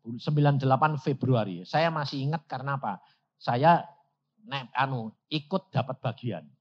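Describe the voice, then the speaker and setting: Preacher guy telling stories, husky voice, lo-fi recording. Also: medium pitch, normal speed. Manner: storytelling, acts out dialogues. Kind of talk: sermon.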